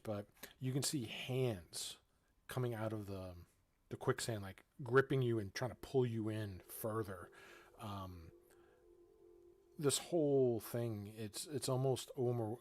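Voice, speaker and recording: A man narrating a tabletop game as game master, improvising haltingly with pauses mid-sentence. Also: fairly low pitch, darkish tone.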